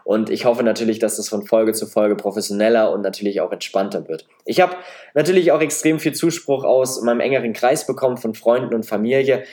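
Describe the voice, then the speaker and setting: Speaking a little fast in a warm, lowish voice, a twenty-something man from Leipzig in eastern Germany hosts a solo podcast. He sounds nasal, has a slight Saxon accent, and keeps his semi-scripted monologue chatty and self-mocking, recorded through a podcast mic.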